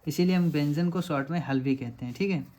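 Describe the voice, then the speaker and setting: A man's voice: fairly high pitch, quick pace, mellow. A man teaching a lecture, working through quiz questions step by step and often checking that students follow. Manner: explanatory, repeats checks like "samajh rahe hain aap".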